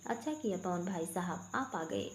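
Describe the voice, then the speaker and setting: A woman's voice: lowish voice, lively intonation, moderate pace, echoey room, slight background noise, close to an everyday voice. A woman voicing an affectionate older mother figure in a family story. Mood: fond.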